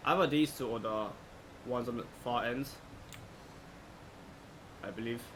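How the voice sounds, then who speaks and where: The recording is clear but carries a constant hum resembling air-conditioning. Over it, a male gaming host with a mid-range, unhurried voice thinks aloud through a casual, unscripted let's play.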